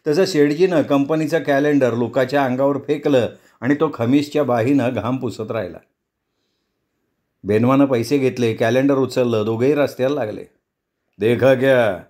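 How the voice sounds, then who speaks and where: A male storyteller reads a novel aloud at a measured pace. His mid-pitched voice is expressive and steady. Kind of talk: audiobook narration of a novel.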